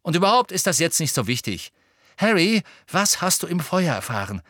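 A man's voice: fairly high pitch, sing-song, normal speed, a bit bright, dry recording, clean studio sound, voice pushed up. Man doing a cocky teenage wizard boy. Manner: offhand, cocky.

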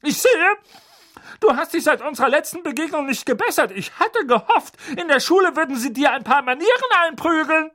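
A man voicing a loud, domineering older aunt in an audiobook, barking and scornful. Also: very high voice, big pitch swings, moderate pace, voice pushed up, exaggerated voice. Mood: scolding. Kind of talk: audiobook character voice.

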